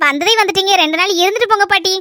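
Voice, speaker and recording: A woman voicing a sweet, newly married young granddaughter in a comedy skit, with a Kanyakumari Tamil accent and soft, polite replies. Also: very high voice, rapid-fire, dry recording, studio quality. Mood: gentle.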